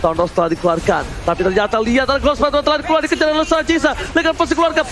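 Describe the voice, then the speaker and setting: A man with an Indonesian accent doing excitable, dramatic esports play-by-play like a fighting game announcer, piling up repeated hype calls. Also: very high voice, rapid-fire. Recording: music behind the voice. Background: music.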